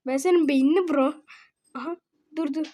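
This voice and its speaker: A woman chatting playfully through a game, excitable and quick to laugh, calling her friend bro. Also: sits high. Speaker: gaming video host. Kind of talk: casual gameplay chatter.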